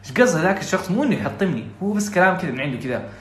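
A man's voice: sits high, very animated, racing, roomy sound. A Saudi man with a Saudi Arabic accent giving earnest, pleading advice on a podcast, dropping English phrases into his talk.

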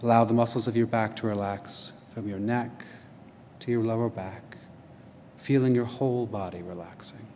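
A man with a fairly low voice guides a relaxation meditation. He gives gentle, measured instructions in a calm manner. The recording has a long hall reverb and some background noise.

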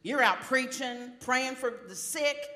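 A woman's voice: sits high, slow, sharp tone, exaggerated voice. Sly mocking devil, as a woman preacher puts him on. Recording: echoey church hall.

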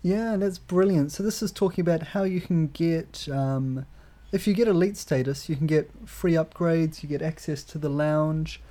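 A woman with a New Zealand accent co-hosting a travel podcast, upbeat and quick to laugh. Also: low-pitched, mellow. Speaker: podcast co-host. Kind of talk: casual review chat.

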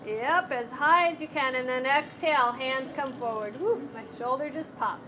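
A woman's voice: high voice, normal speed, bright, forceful tone, slight background noise. A woman leading a live chair yoga class, cueing breaths and moves in a playful, encouraging way. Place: class room with group.

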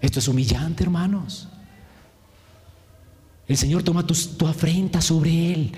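A man's voice: a little high, unhurried, a little mellow, in a large hall. A man preaching a sermon with passion, acting out the voices he quotes. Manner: impassioned, acts out quoted voices. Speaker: pastor.

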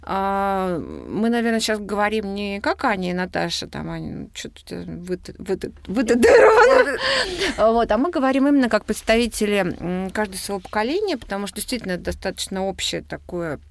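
A woman in her fifties co-hosting a podcast, talking in a measured, thoughtful way with frequent pauses. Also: mid-range voice, sing-song, creaky, no room sound. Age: 50s. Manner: measured, thoughtful, many hesitations. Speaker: podcast co-host. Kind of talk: casual podcast conversation.

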